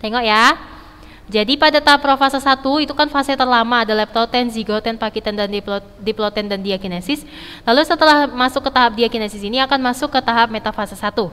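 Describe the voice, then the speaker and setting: A woman's voice: on the high side, fairly quick, fairly bright tone, clear, resonant tone. A woman teaching a school lesson, explaining step by step, repeating key points and checking that students follow. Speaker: biology teacher. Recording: reverberant, hall-like echo.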